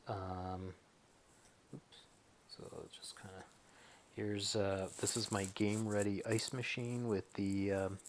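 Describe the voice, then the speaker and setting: A man's voice: on the low side, a little hiss or hum. A man talking casually and a bit hesitantly in a rambling personal vlog from his bedroom, as a patient giving a recovery update. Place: bedroom at home.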